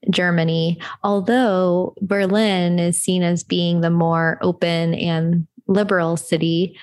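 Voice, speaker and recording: American woman host, lowish voice. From United States. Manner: friendly, asks chatty follow-up questions. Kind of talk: casual interview.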